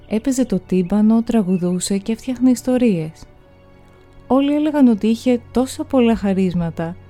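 A woman narrating a folk tale in a measured, expressive reading. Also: medium pitch. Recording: faint music bed. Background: faint music.

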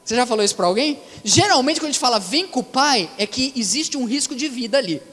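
Slangy Brazilian preacher in a reverberant hall. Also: male voice, very high voice, fast talker. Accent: Brazilian Portuguese. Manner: lively, slangy, rhetorical questions to the audience. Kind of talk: youth sermon.

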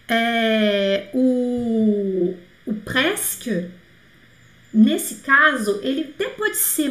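A woman's voice: high-pitched, fairly bright tone, echoey room. A woman teaching French in a live-stream lesson. She explains patiently, spells words out letter by letter and checks in with the listeners.

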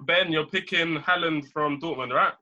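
A man's voice: a little high, moderate pace, lo-fi sound, background noise. A young man hosting casual football banter, informal and encouraging as he moderates. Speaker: host of a football draft.

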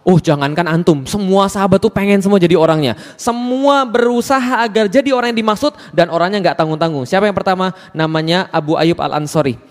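A man giving a lively religious lecture who keeps asking the audience questions. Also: sits high, fast, hardly any pauses, big-room sound. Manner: animated, asks the audience many questions. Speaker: Islamic preacher.

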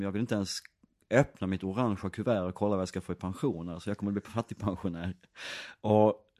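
Man in his thirties, very low voice, dry close sound, reflective interviewee. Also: darkish tone, dry recording. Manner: reflective, rambling with many fillers and restarts. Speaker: actor and director. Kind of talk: casual interview answers.

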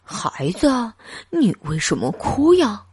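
A woman voicing a lonely retired old man who speaks slowly, low and sighing. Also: huge pitch swings, darkish tone, husky, no room sound, studio quality, heavily acted. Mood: gentle, melancholy.

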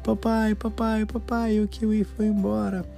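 A woman voicing a small excited boy with high, pleading, repeated calls. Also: unhurried, vocal fry, soft background music. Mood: upset.

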